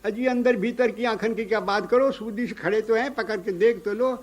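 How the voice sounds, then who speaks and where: A man's voice: high voice, big pitch swings, a little slow, dull audio, voice pushed up, full character voice. A man voicing a doting mother who proudly teases and scolds a neighbour in a devotional story. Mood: teasing.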